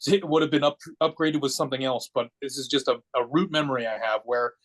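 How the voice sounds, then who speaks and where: In a brisk, medium-pitched voice with fairly even intonation, a man tells personal stories casually on a podcast where he's a guest. He's forty, American-accented, from Connecticut in the United States, and his delivery is rambling and matter-of-fact.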